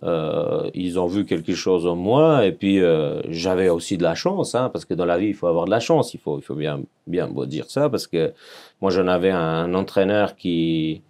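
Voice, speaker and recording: A Serbian man in his forties, with a deep, slightly mellow voice and a Serbian accent, speaks at a normal speed. He is a podcast guest recounting his life story in earnest French, searching for words and repeating phrases as he tells it in an interview.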